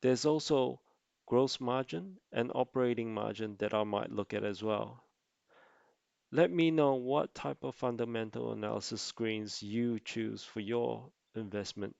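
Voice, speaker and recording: A man narrating an explanatory tutorial as an amateur presenter, speaking haltingly in short phrases. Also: mid-range voice, creaky, darkish tone, no echo, dull audio. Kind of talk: explanatory investing tutorial voice-over.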